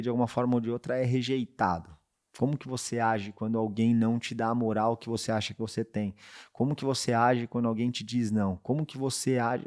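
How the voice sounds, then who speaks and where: Male podcast host, mid pitch, easygoing coaching talk full of tag questions. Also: a little mellow. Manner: conversational, checks in with frequent tag questions. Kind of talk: casual advice talk.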